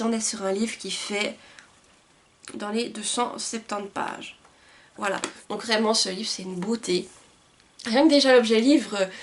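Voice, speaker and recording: A woman book vlogger talking casually and enthusiastically about books she received, with frequent filler words. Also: medium pitch. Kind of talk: casual book haul chat.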